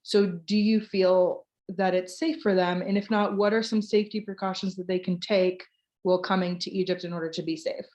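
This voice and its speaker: Hosting a live Q&A on a video call, a tour ambassador from Florida in the United States reads listener questions aloud in a chatty, informal style. Her lowish voice is a little mellow and steady in tone, at normal speed.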